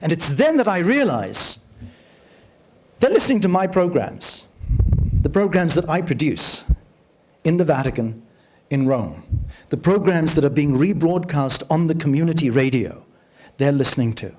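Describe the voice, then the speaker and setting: A man giving a storytelling lecture as a radio journalist, acting out dialogue vividly and slowing to a low voice for emphasis. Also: sing-song, darkish tone. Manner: vivid, acts out dialogue with shifting pitch; slows down and drops low for emphasis. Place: lecture hall.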